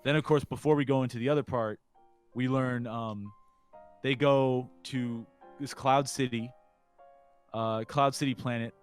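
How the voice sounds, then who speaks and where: A man's voice: medium pitch, fairly even intonation, clear, resonant tone, faint music behind. A man co-hosting a podcast, recapping a film in casual chat, rambling and acting out characters' lines. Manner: rambling, acts out film lines in quick impressions. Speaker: podcast co-host.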